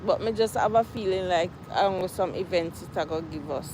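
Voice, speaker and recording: A woman's voice: on the low side, a little fast. A woman with a Jamaican accent, winded from walking and sighing, chatting casually to livestream viewers outdoors. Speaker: livestream host. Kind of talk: casual live chat with viewers. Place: outdoors on a campus. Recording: noisy outdoor ambience with traffic.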